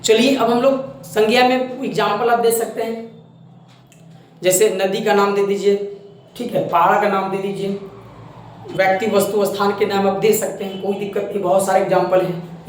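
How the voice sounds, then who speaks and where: A male teacher gives a classroom grammar lesson at a board, repeating terms, spelling them out letter by letter and quizzing his students. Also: high-pitched. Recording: very echoey room, faint background noise.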